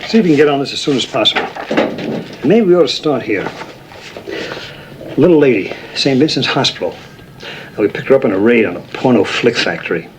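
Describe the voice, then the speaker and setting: An actor playing a brisk male police detective in a TV drama, matter-of-fact and commanding as he briefs colleagues. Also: mid-range voice, animated, noisy background, natural voice. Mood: businesslike. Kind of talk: naturalistic TV police drama acting.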